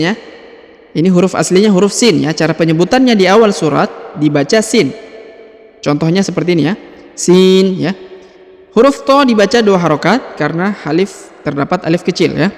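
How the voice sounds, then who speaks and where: A man's voice: sits high, big-room sound. A man teaching Quran reading step by step, patiently explaining each letter and drawing out its length. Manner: patient, explains slowly, ends phrases with "ya"; draws out letter names in chanted recitation. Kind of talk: step-by-step recitation lesson.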